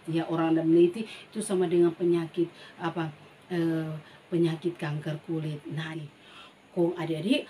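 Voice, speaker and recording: A woman, teaching a children's Bible lesson in an animated storytelling manner and talking straight to the kids. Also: mid-range voice, slight background noise. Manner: animated, addresses the children directly.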